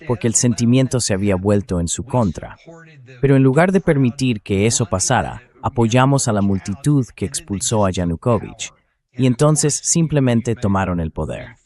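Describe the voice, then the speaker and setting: As an interview guest, a synthetic male voice reads translated political commentary, measured and explanatory. The pitch sits fairly low, with a slightly mellow tone.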